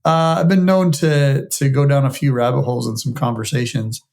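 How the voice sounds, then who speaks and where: A man's voice: medium pitch, steady tone, moderate pace, darkish tone. A man co-hosting a business podcast in a studio, chatting casually, hedging and trailing off as he thinks aloud. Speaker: podcast co-host.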